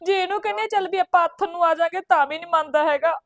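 A woman's voice: extremely high pitch, quick pace, no echo. An actress playing a sly, chatty young married village daughter who coaxes her family with offers of tea, speaking with a Punjabi accent. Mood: complaining. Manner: fussy, coaxing, endlessly offering tea. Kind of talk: village comedy film acting.

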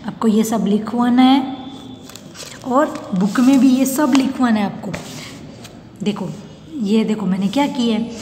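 A woman teacher giving a recorded lesson to young pupils, slowly repeating each word twice for them to echo. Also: fairly high pitch, darkish tone. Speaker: school teacher. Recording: echoey room with long reverb, faint hum.

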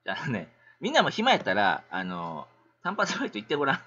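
A middle-aged man with a Kansai accent, chatting on a casual livestream in an animated, rambling, ranting way. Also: mid-range voice, fast talker, lo-fi sound.

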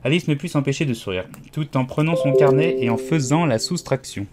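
A man narrating a children's classic as an audiobook, telling the story calmly. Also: medium pitch, brisk. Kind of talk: scripted narration.

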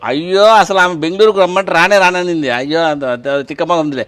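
A man's voice: high voice, steady tone, fast, a bit bright, clear, resonant tone. A man acting as a brash, defiant husband in a comic sketch. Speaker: husband in a comedy skit.

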